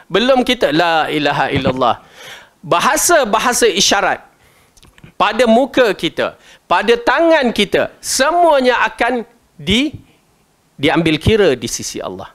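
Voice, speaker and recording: Malaysian male religious teacher, high voice, casual jokey lecture, slow chanted verses. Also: fairly bright tone. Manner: colloquial and jokey, chanting Quranic verses slowly. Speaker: religious teacher giving Quran commentary. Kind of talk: Quran commentary lecture.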